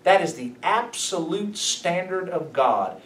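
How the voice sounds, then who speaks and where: Animated pastor preaching, echoey room. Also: male voice, high-pitched, slow pace, a little hiss or hum. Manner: animated, emphatic, asks the listeners questions. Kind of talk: sermon, Bible study teaching. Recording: echoey room, mic at a distance.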